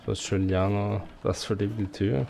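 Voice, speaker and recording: A man's voice: fairly low pitch, little pitch movement, moderate pace, gravelly, dark tone, slight background noise. A man chatting casually and informally to viewers as he streams a game. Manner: informal, swearing, addressing viewers. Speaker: live streamer, gamer. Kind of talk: casual live-stream gaming chat.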